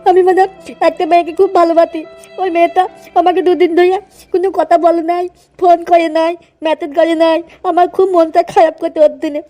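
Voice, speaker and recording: A woman's voice: very high voice, little pitch movement, fairly quick, warm tone, soft background music. A woman voicing a lovesick, drunk young man in a cartoon, whining and pleading in crude slang. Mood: heartbroken. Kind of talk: cartoon voice acting.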